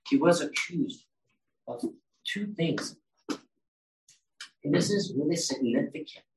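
This pastor's sermon is relaxed and conversational, full of questions aimed at the congregation. His voice sits at a medium pitch, with slight background noise, roomy echo, and a far-off microphone.

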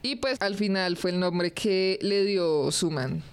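A woman's voice: on the low side, slow pace, smooth. A woman co-hosting a casual chat, enthusiastic and sharing fan trivia.

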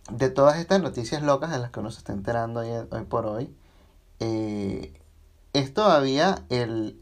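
A man's voice: medium pitch, darkish tone. A man with a Venezuelan accent hosting a casual solo podcast, rambling and sarcastic as he talks. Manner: rambling and sarcastic, often restarting phrases. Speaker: podcast host.

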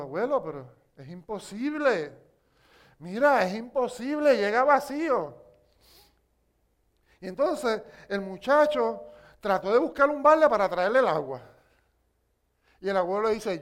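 A Puerto Rican man preaching from the pulpit, his voice pitched high for a man. He tells a story in a lively sermon and stops often to ask the congregation for a response. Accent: Puerto Rican Spanish.

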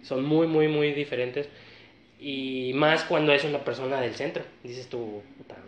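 A man with a northern Mexican accent telling a story in casual chat, relaxed and slangy, with many fillers. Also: medium pitch, a little slow, a little hiss or hum. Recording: echoey room, slightly dull sound.

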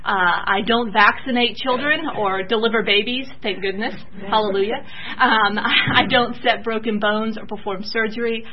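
A soft-spoken young woman from Georgia, giving a church talk about her mission teaching and pausing often with fillers. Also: on the high side, steady tone, dull audio.

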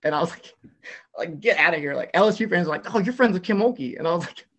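A man's voice: high voice, fast talker. A man guest on a casual talk show, telling a long story full of "like" fillers. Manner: rambling, many "like" fillers, animated retelling. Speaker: podcast guest.

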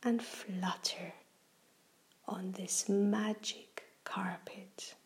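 In a hushed, breathy half-whisper, a woman takes children through a guided meditation on her relaxation show. Her slow, soothing lines stay at medium pitch with little variation.

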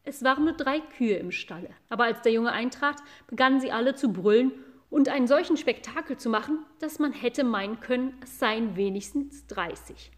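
Calm woman reading a storybook. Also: fairly high pitch, normal speed. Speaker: narrator. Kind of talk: audiobook narration.

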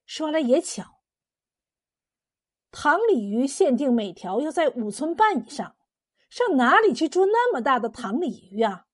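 A woman telling a folk tale in a lively, expressive storytelling manner, asking the listener questions along the way. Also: high voice, a little slow, pauses often.

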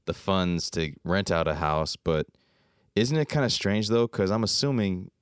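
A young man chats in an easygoing, slangy way, often drifting off mid-sentence. His voice sits very low and comes across smooth and resonant. The sound is dry and close, with no room around it. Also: measured pace, no echo. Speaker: podcast co-host. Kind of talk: casual chat.

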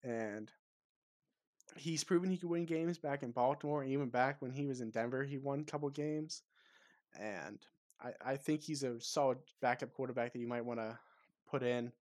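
A man's voice: medium pitch, normal speed, a little mellow, dry recording. A man co-hosting a casual sports podcast, talking football with lots of ums and restarts. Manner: hesitant, many ums and restarts. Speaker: podcast co-host.

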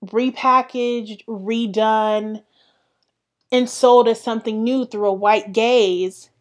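A young woman hosting her own podcast, talking through casual solo commentary with emphatic, sassy asides. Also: on the high side. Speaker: podcast host.

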